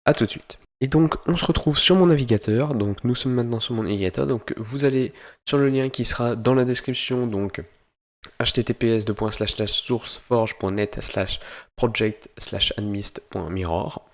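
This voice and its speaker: A man hosting a software tutorial, explaining each step in turn and often pausing to search for words. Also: mid-range voice. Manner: step-by-step explaining, stringing steps with "donc"; hesitant, with frequent pauses to search for words. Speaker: host of a gaming tutorial channel. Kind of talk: screen-recorded software tutorial narration.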